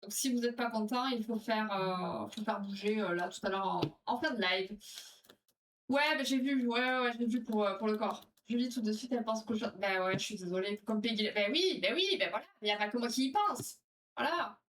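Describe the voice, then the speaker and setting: A woman's voice: fairly high pitch, moderate pace, fairly bright tone, slight background noise. Chatty French woman, distant mic. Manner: chatty, rambling, reads viewer comments aloud. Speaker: livestream host. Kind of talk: casual live chat with viewers, running a quiz. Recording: distant mic with music behind.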